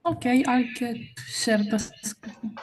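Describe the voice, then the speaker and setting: A woman's voice: on the high side, takes it slowly, a little hiss or hum. A young woman, a master's student, giving a conference presentation over a video call, hesitant and full of uh fillers and restarts. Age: young adult. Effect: remote speaker on a video call.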